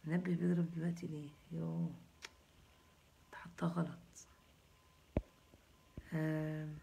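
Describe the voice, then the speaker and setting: A woman's voice: low voice, level tone, normal speed, creaky, dark tone, slight background noise. A woman in her thirties with an Egyptian accent, hosting a casual live chat and answering viewers with jokes and teasing. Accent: Egyptian Arabic. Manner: joking, teasing, chatty. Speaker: host answering viewers' comments.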